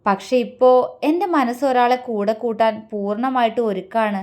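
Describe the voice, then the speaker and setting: A soft-spoken young man who answers quickly and gently, calm and reassuring, as a woman narrator puts him on. He belongs to a storybook romance read aloud, in a fairly high voice. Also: natural voice. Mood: gentle.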